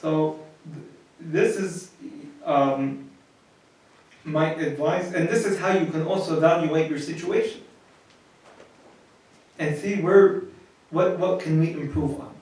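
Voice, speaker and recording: Speaking slowly with long pauses, an American priest gives a marriage lecture in a plain, conversational style, restarting and repeating himself along the way. His fairly high voice has a slightly mellow quality, and the distant recording leaves it bouncing through a very echoey room.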